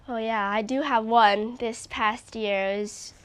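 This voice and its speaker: Smooth-voiced young woman, a bit congested. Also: on the high side, steady tone, slow pace. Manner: earnest, open, frequent "like". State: a little congested. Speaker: recording artist guest. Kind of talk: casual interview chat.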